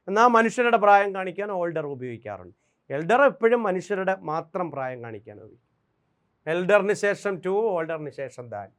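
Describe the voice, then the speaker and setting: A man with a Malayali accent, a native Malayalam speaker, teaching English grammar for exams, drilling examples and asking quick questions. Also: high-pitched, smooth. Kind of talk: exam-prep grammar lesson.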